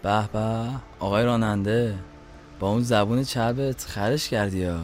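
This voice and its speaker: An actor playing a menacing, foul-tempered robber in an audio drama, barking orders and curses. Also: male voice, lowish voice, steady tone, a little hiss or hum, natural voice. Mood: sneering.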